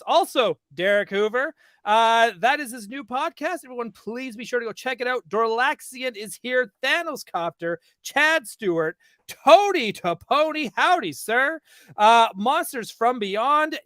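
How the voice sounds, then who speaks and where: A man's voice: extremely high pitch, a bit bright, no echo, studio quality. A man hosting a podcast in casual chat, upbeat and laughing often as he reads out names from the chat. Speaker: podcast host.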